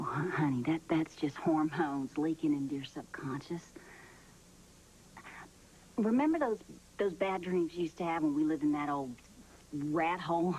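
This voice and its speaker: An actress playing a down-to-earth mother who comforts her daughter in a soft, homespun way. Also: low voice, breathy edge, full character voice, poor audio. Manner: soothing, homespun, soft-spoken. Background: faint background music.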